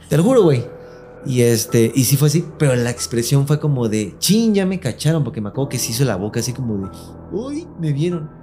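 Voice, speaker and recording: Man, Mexican accent, casual podcast storyteller, warm mellow tone, slangy, acts out quotes. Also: medium pitch, fast talker, soft background music. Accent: Mexican Spanish. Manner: slangy, acts out every quote in lively voices. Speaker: podcast host.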